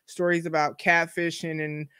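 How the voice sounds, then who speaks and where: Speaking at a normal speed in a low, level, slightly bright voice that's clear and resonant, a podcast host in her forties delivers a casual solo monologue. She's candid, chatty and slangy, with lots of asides. The studio-quality sound has no room noise.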